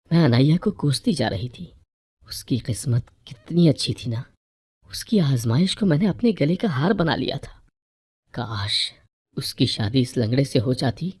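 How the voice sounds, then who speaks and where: A woman narrating a first-person moral story in a measured, even reading voice. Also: a bass voice, breathy edge.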